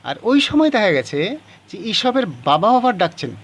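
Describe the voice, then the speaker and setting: A man's voice: high voice, big pitch swings, moderate pace. A man teaching a class, reading passages of a story aloud and explaining how to write the answers.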